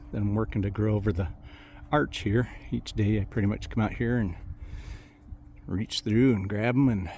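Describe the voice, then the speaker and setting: A man's voice: fairly low pitch, dark tone, slight background noise. An older man giving a casual, meandering walkthrough of his backyard garden outdoors, speaking in an easygoing, plain-spoken way. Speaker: home gardener.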